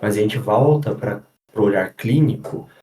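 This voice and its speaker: A psychologist explaining things in a casual podcast chat, often pausing on fillers and restarting his sentences. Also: fairly low pitch, warm tone. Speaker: psychologist guest. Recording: echoey room.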